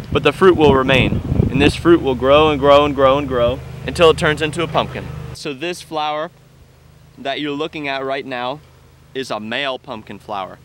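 In an open farm field, a young man in his twenties handles plants and enthusiastically walks through the process step by step, teaching as a farm educator. He's on a lapel mic; his voice is mid-range, and there's a little background noise.

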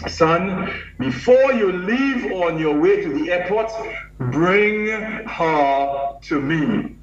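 A man quoting a commanding elderly archbishop in slow, weighty pronouncements, recorded from a distance in an echoey hall. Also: high voice, expressive, highs cut off, voice pushed up, heavily acted. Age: older.

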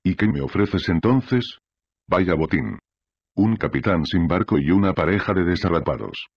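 A man voicing a gruff, scornful older pirate priest in an audiobook reading. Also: low voice, expressive, normal speed, dry recording, dull audio. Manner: scornful, blustering.

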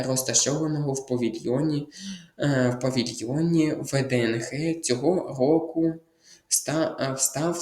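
A man's voice: mid-range voice, darkish tone, roomy sound. A man tutoring, explaining test answers step by step, thinking aloud with fillers and restarts and repeating key words. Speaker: Ukrainian language tutor.

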